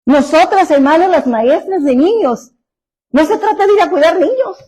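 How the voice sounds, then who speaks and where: High-voiced woman pastor preaching. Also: animated, normal speed, dark tone, poor audio. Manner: emphatic preaching with rhetorical questions. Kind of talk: sermon.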